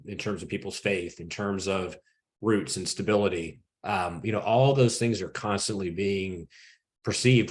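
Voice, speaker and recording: A man hosting an author interview thinks aloud, his talk halting and full of false starts. His voice sits somewhat low. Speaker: interview host. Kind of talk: conversational interview.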